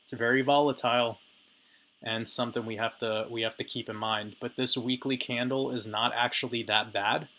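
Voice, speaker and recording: Guy with a scratchy tired voice going over crypto charts, bright tense tone, talks to you guys. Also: mid-range voice, steady tone, moderate pace. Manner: casual, addresses viewers as you guys. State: hoarse, raspy voice from talking a lot. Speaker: crypto market commentator. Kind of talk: chart analysis commentary.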